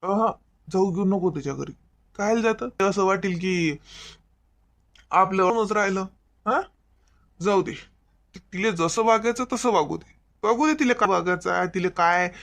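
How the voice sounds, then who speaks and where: A voice actor with a high-pitched male voice plays a heartbroken young husband in an animated comedy. His delivery is whiny, tearful and bitter, in a Varhadi Marathi accent.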